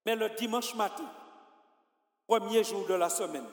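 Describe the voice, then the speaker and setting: Martinican male preacher, very high voice, slow and impassioned, soft to shouting, long hall reverb. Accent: Martinican French. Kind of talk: sermon.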